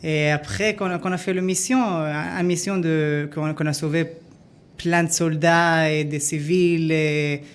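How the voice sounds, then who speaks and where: A man's voice: on the high side, steady tone, smooth. A man from Israel with a foreign, Israeli accent in French, telling his story as an interview guest and searching for words. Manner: halting, searches for words in non-fluent French. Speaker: interview guest, former army dog handler.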